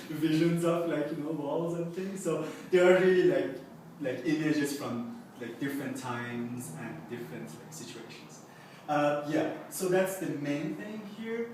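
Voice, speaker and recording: A young man whose first language is Farsi gives an unscripted gallery talk about his own paintings in an indoor art exhibition space, speaking without notes in a halting, loose way full of fillers and restarts. His voice is average in pitch for a man and a little mellow. He is heard from a distance in a very echoey room, with faint room noise behind him.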